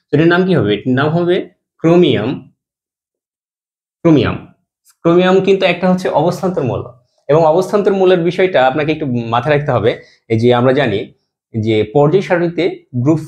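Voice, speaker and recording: A man with a fairly high, somewhat dark voice teaches a chemistry lesson. He goes through it step by step, poses questions and answers them himself, and lets his voice fall at the end of every compound name.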